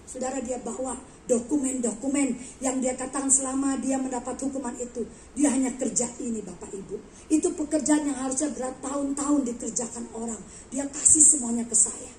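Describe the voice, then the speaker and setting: A woman preacher telling a testimony in a lively sermon, acting out the dialogue of her story. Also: high voice, brisk, roomy sound, slight background noise. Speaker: guest preacher. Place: large church hall.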